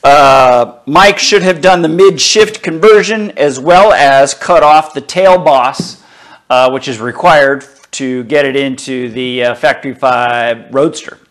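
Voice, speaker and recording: A middle-aged man slowly unboxing and inspecting car parts in his home garage, talking casually to a camera a few feet away. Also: medium pitch, a bit bright. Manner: slow, easygoing, talks while handling parts. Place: home garage workshop, indoors.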